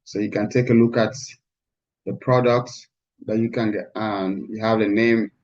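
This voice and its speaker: A man teaching a live online class, heard through a screen-recorded video call, talking in a halting way with many restarts. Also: lowish voice, fairly even intonation, darkish tone, highs cut off. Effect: screen-recorded video call audio. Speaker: instructor. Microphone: computer mic on a video call.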